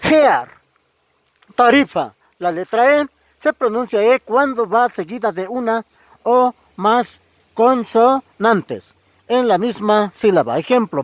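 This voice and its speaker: A man teaching English pronunciation in a slow lesson, repeating each word deliberately. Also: very high-pitched, lively intonation, dry recording. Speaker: language teacher.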